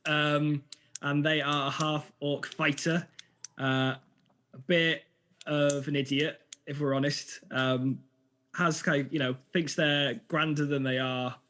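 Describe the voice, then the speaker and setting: A man playing in a tabletop game, chatting casually and hesitantly, with many pauses and fillers. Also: fairly high pitch, flat delivery, fairly bright tone. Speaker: player. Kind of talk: casual chat.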